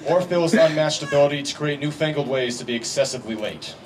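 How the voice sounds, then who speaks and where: A man delivering a best man's wedding speech in a wry, deliberate way with pauses for effect. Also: a little high, animated. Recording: distant mic, noisy live event ambience.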